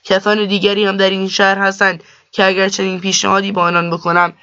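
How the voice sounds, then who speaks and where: A man's voice: high-pitched, monotone, pushed and bright, clean tone, dry recording. A man voicing a poor, earnest young male cleric in a storybook reading, speaking politely and pleadingly. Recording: dull lo-fi dry recording.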